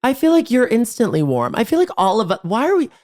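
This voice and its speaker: A man's voice: very high-pitched, huge pitch swings, quick pace, a little mellow. A man from Los Angeles hosting a casual interview over a video call, talking in a chatty, jokey, rambling way. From Los Angeles, United States. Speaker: host.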